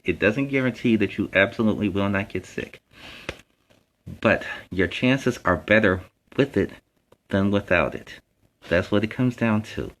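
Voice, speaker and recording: A man with a lowish voice hosts a costumed story time stream, giving viewers an informal public safety talk in an earnest, plain-spoken, emphatic way. The audio is poor, with clear, steady background noise.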